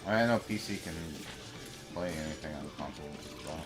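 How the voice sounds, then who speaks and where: A man's voice: very deep voice, brisk, music in the background. A man hosting a casual reaction stream, joking and greeting chat viewers. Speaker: host.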